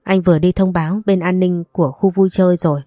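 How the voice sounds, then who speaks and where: A woman's voice: lowish voice, fairly even intonation, fast talker, warm tone, dry recording, studio quality, lightly acted. A woman reading the lines of a protective young man in a storybook reading, in a soothing way. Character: distressed young man comforting his girlfriend.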